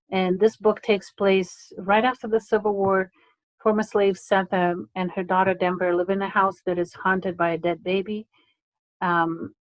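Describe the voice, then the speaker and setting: A middle-aged woman from Romania, an English lecturer giving an online presentation in a measured way, pausing often with fillers. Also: on the low side, a little hiss or hum, poor audio. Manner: measured, hesitant with frequent fillers.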